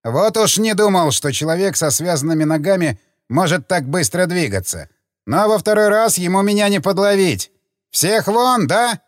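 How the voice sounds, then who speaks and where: A man's voice: fairly high pitch, big pitch swings, moderate pace, few pauses, no echo, studio quality, pitched above the performer's own voice. Man doing a brutal barking gunman. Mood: smug. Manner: shouting, curt orders. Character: brutal male gunman accomplice, barking orders.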